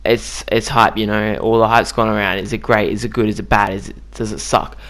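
A man's voice: lowish voice, level tone, fairly quick, a bit bright. A man giving casual, chatty commentary on a video game he just played, with lots of ums and likes. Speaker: gaming YouTuber.

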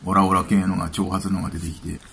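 A man's voice: sits low, little pitch movement, fast, vocal fry, fairly bright tone, a little hiss or hum. A man giving casual spoken commentary as a YouTube commentator, chatty and offhand, thinking aloud.

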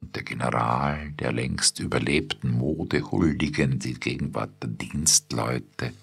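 A man reading a literary story aloud in measured, even narration. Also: extremely low pitch, gravelly, a little hiss or hum. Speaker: audiobook reader.

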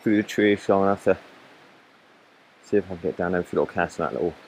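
A man giving a quiet, pleased running commentary to himself while fly fishing outdoors, recorded on an action camera. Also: deep voice, very fast, gravelly, rough recording. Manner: quiet, pleased, talking to himself between casts. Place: outdoors by a stream in a valley. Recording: outdoor camera audio with faint stream noise. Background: running stream and wind.

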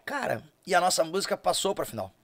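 A man's voice: high voice, fast talker. A man with a southern Brazilian accent from Rio Grande do Sul, an accordion player telling jokey stories in a casual podcast chat. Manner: animated, jokey storyteller who laughs a lot.

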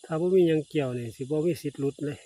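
A man's voice: on the high side, very fast, dark tone. Chatty Isan man in a night field. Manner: chatty, keeps calling viewers brothers and sisters. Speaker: vlogger. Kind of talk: casual narration to viewers. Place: rural fields at night, outdoors. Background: crickets and insects.

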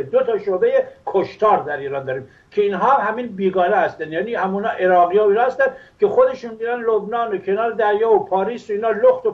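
An older man from Iran hosting a political talk show, speaking in impassioned, emphatic bursts. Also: high-pitched. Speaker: host. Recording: dull lo-fi sound.

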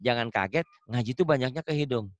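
A man with a Sundanese accent teaching a Quran reading lesson over a video call, patiently modeling syllables slowly for the student to repeat, with light teasing. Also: mid-range voice, no room sound. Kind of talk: online one-on-one reading lesson.

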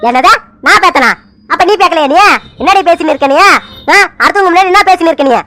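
A proud, quick-tempered cartoon husband voiced by a woman blusters at everyone in a bright, piercing voice. His lines come fast, dry and right up on the mic. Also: very high-pitched, no room sound. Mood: blustering. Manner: blustering, snaps at his wife. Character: proud hot-tempered middle-aged father and husband.

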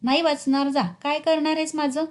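A woman's voice: high-pitched, steady tone, normal speed, pitched above the performer's own voice, lightly acted. A woman voicing a stubborn, cheeky village schoolboy in a read-aloud story. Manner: cheeky, defiant.

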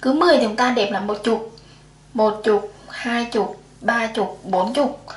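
Woman, primary math teacher, patient counting-aloud delivery, a touch high, echoey room. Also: measured pace. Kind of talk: explaining a lesson to young children.

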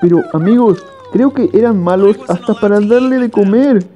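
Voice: medium pitch, moderate pace, mellow. A reaction host commenting on an animation for viewers, calling them friends, exclaiming and laughing at the scenes, on a dull lo-fi recording.

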